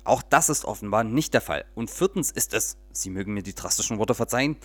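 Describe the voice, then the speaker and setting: A man's voice: on the low side, animated, a little fast, no room sound. A stiff, pedantic clerk from a trade office talks in formal officialese in a storybook tale, as a man reads him aloud. The recording is dry and close. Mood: officious.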